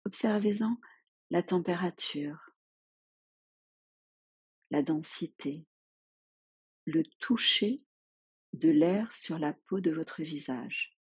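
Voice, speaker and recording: A woman with a low, slightly rough voice leads a guided yoga nidra relaxation as a teacher. Her instructions are soothing and unhurried, with long pauses, and the recording is dry.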